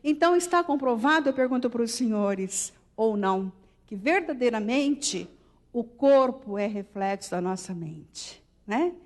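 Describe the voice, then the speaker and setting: Brief: woman lecturer, Brazilian Portuguese accent, slightly high voice, didactic with frequent tag questions. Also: lively intonation, unhurried. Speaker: religious lecturer. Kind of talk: spiritual lecture to an audience.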